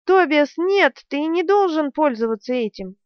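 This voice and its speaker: A woman's voice: fairly high pitch, normal speed, dry recording, close to an everyday voice. A woman voicing a crazed, whimpering sorceress who pleads in broken grammar, in an audiobook reading. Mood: wailing. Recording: dry, dull lo-fi recording.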